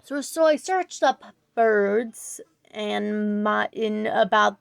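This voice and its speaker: Rambling woman with a gravelly voice. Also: medium pitch, slow pace, dry recording, studio quality. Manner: rambling, hesitant, many fillers and self-corrections. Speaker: art channel creator, student. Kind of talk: casual voice-over while drawing.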